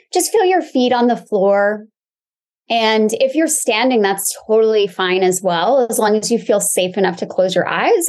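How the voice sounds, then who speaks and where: A woman guiding a calm grounding exercise as a body-awareness teacher, giving soothing, gentle instructions. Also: mid-range voice. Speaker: Pilates and embodiment teacher, guest.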